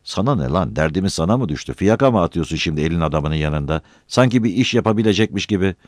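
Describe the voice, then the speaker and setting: A man's voice: sits low, expressive, fast, dry recording, studio quality. A man voicing a poor, defiant young villager who answers back bluntly. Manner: blunt, insolent retorts.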